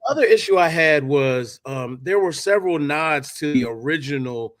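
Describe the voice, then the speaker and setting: A man co-hosting a casual fan chat, with a bright, forceful voice recorded close and dry. He thinks out loud, rambling through fillers and half-finished phrases. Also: fairly high pitch, lively intonation, moderate pace, no room sound. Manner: thoughtful, rambling with many fillers. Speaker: co-host.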